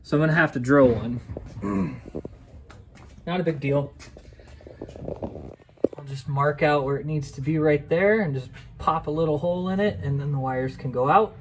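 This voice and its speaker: A man's voice: a little high, unhurried, long pauses, background noise. A man casually narrating his own restoration work in a driveway and a garage workshop, thinking aloud in a folksy, rambling way while he films on a handheld phone. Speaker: restoration video host.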